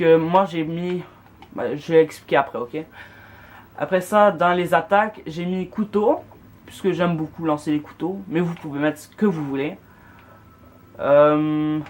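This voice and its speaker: Mid-pitched voice, video game player, casual unscripted walkthrough, hesitant, self-correcting, informal address to viewers.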